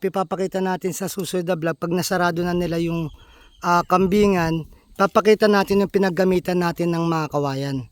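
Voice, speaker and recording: A man's voice: high-pitched, clean tone, no room sound. A man hosting a casual outdoor vlog in a bamboo grove, explaining in a friendly, chatty way and often addressing viewers as buddies. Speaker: vlogger host.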